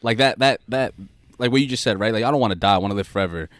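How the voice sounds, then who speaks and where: A man's voice: on the low side, very fast, no echo, clean studio sound. Laid-back, slangy man in his late twenties. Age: late 20s. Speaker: podcast co-host. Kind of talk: casual podcast chat.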